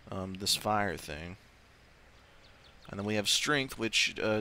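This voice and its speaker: A man's voice: fairly low pitch, pushed and bright, a little hiss or hum. A man giving casual let's-play commentary, thinking aloud and swearing offhandedly. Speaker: gaming video host. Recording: faint game sound behind voice. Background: video game ambience.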